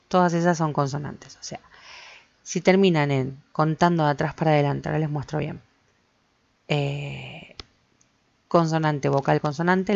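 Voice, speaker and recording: A Spanish-speaking woman teaches English grammar with patient, step-by-step explanations, often pausing to check the class is following. Her voice sits low with a gravelly edge. The recording is dull and lo-fi with a faint hiss underneath.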